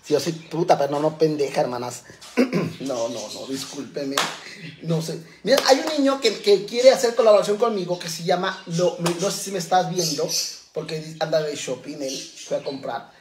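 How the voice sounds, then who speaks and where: A man's voice: a little high, normal speed. A man chatting on a home livestream, campy and self-mocking, calling his viewers sisters. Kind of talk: casual livestream chat. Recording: echoey room, faint background noise.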